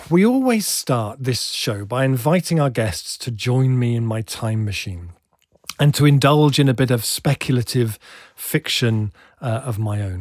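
A man's voice: mid-range voice, a little mellow, no room sound, clean studio sound. A man hosting a podcast, reading a scripted introduction with enthusiasm and playful asides. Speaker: podcast host.

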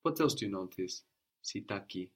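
A man's voice: on the low side, animated, normal speed, husky. A man teaching a one-on-one language lesson, patiently prompting questions and repeating his student's answers.

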